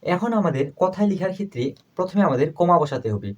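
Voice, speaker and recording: A man teaching a primary school math lesson, asking questions and answering them himself, repeating each number slowly as he writes. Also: high voice, animated, darkish tone, slightly rough, muffled recording. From Bangladesh.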